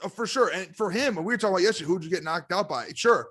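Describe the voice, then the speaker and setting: A man chatting casually as a guest on a podcast, an animated and excitable wrestling fan. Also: sits high, very fast. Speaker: guest commentator.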